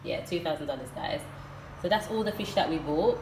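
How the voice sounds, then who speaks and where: A woman's voice: low voice, expressive, fairly quick, darkish tone, reverberant. A woman chatting casually to her viewers as a vlogger. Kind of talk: casual vlog chat to viewers. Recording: noisy home video, frying sizzle. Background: food frying and sizzling.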